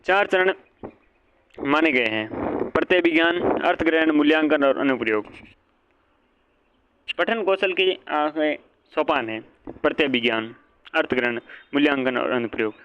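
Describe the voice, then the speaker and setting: A male teacher gives an exam-prep lecture, asking questions, answering them himself and repeating every point. He has a smooth, fairly bright voice of medium pitch, captured on dull lo-fi audio.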